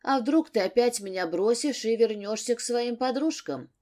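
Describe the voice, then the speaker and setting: A frightened young wife talks in a high, soft, pleading voice, close to tears, her pitch rising and falling widely. The lines come from an audiobook, where a woman narrator puts her on. The tone underneath stays warm and mellow. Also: big pitch swings, normal speed. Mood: tearful. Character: young wife, tearful, tender and afraid.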